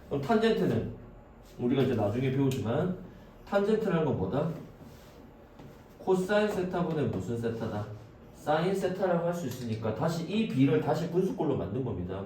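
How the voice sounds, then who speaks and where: A man teaching high school math in a classroom lecture. He asks his students questions, answers them himself and talks to them casually. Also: warm tone. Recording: echoey room, distant mic, faint noise.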